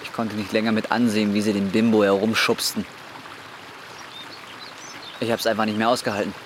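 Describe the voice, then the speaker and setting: In a naturalistic radio drama, an actor in his twenties plays a desperate young man weighed down by guilt, blunt and brooding as he confesses in anguish. His fairly low voice keeps a level tone, moves fairly quickly, and sounds close to everyday speech. Clearly noisy ambience with vehicle sounds fills the recording.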